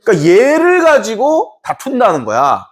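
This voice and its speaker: Animated, high-voiced male history teacher. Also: normal speed, husky. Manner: playful, acts out quotes, laughs often. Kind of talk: classroom lecture.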